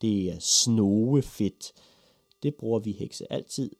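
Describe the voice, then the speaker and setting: A man voicing a sleepy, kindly old witch woman who drawls slowly. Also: fairly low pitch, gravelly, a little mellow, no echo, clean studio sound. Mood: drowsy drawl. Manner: drawling, slow, mumbling.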